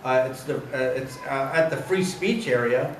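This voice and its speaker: A man's voice: medium pitch, normal speed, slight background noise, lightly acted. A man putting on a smug Southern college kid. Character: smug young male college student, growers' son. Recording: roomy hall from a distant mic.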